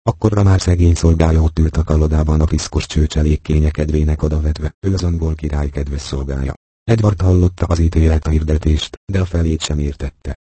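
A man narrating an audiobook in a steady, measured storytelling manner. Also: a bass voice, husky, no room sound. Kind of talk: scripted narration.

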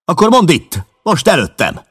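A man's voice: low-pitched, very animated, a little mellow, pitched above the performer's own voice, heavily acted. A man voicing a bold, defiant young newcomer who talks in a challenging way.

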